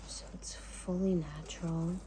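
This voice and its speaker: Woman, soft ASMR whisper, even narrow intonation, hushed short phrases, clear ambient noise behind. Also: low voice. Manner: hushed, unhurried, with pauses between short phrases. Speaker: ASMR host.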